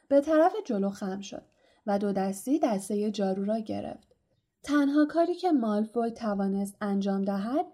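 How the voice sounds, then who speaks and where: A woman narrating a children's fantasy audiobook in an expressive storytelling manner. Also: medium pitch. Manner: expressive storytelling, voicing characters.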